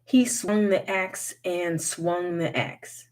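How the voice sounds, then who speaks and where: Slow, low-voiced woman reading a folktale. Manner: unhurried, expressive storytelling. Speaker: storyteller.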